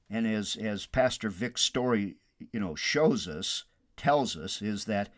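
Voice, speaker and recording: A man's voice: mid-range voice, no echo, studio quality. A man preaching as a pastor on a radio ministry program, telling a story and preaching emphatically. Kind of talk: radio sermon.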